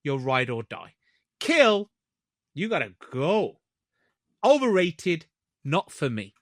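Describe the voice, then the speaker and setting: A podcast host playfully introducing a game segment with drawn-out emphasis. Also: medium pitch, very animated, a bit bright, no room sound, clean studio sound. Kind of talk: casual podcast chat, segment hosting.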